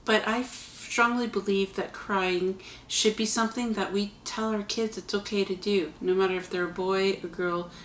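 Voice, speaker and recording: A woman's voice: medium pitch, steady tone, normal speed, hardly any pauses, fairly bright tone, roomy sound, slight background noise. A woman hosting her own vlog, talking casually and earnestly to her viewers with chatty asides. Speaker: vlog host. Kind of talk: casual spoken reflection to camera.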